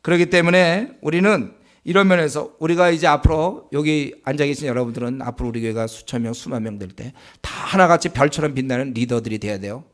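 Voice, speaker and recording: Speaking through a sore throat, this pastor preaches conversationally in the church sanctuary. He throws rhetorical questions at the congregation and voices certain remarks more slowly and in a deeper register.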